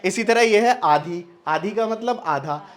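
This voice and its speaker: A male teacher giving a spoken language lesson, asking questions and answering them himself, repeating words slowly and drawing out their nasal sounds, often checking whether it is clear. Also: high voice.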